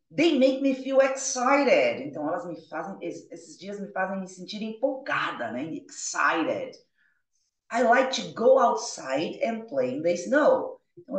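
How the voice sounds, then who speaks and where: A Brazilian woman teaching English, who reads each line slowly, then translates and explains it. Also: on the low side. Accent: Brazilian Portuguese. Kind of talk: explaining a dialogue, switching languages. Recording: roomy, from a distance.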